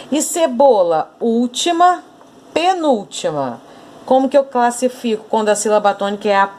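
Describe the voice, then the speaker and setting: A woman with a Brazilian Portuguese accent teaching an online lesson, saying words slowly and clearly and asking the students questions. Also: medium pitch, a little mellow, a little hiss or hum. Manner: slow, clearly stressed syllables, asking questions.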